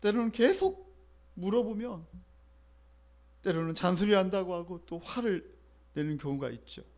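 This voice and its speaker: High-voiced middle-aged male pastor preaching. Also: moderate pace, a little mellow. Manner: conversational, often asks the congregation for responses. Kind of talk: sermon.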